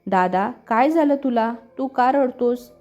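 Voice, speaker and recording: A woman reading the lines of an emotional, affectionate young bride in a storybook, slightly muffled with soft music behind. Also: fairly high pitch, a little slow, lightly acted.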